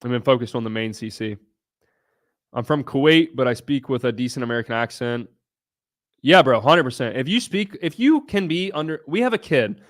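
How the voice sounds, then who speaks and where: A young man from Southern Ohio hosts a casual livestream, answering viewer questions bluntly and brashly while swearing freely. His mid-range voice is expressive and moves at a moderate pace, captured in a dry, clean studio recording.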